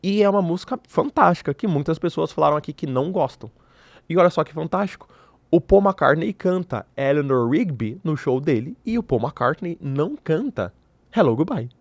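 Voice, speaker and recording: A young adult man hosting a podcast, giving his opinions in an animated, playfully provocative casual way, from Brazil. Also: a little high, normal speed, no echo. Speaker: podcast host. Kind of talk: casual commentary to camera.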